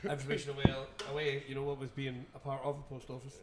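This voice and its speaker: A Scottish man playing as a quiz contestant on a podcast, answering with deadpan jokes. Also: medium pitch, very fast, crowd noise. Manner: deadpan joking. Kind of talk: casual podcast banter.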